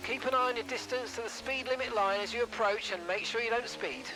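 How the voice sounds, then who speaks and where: A man voicing a race engineer who gives brisk, clipped pit instructions over a crackly team radio. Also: extremely high pitch. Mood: instructing. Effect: crackly race car team radio. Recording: distant radio voice under loud engine noise. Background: loud race car engine noise.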